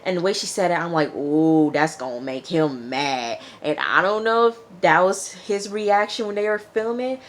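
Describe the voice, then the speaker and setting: A TV show reviewer talks through a reality TV recap in a casual, opinionated way, performing what people said. She speaks at a normal speed with a lowish voice and barely pauses.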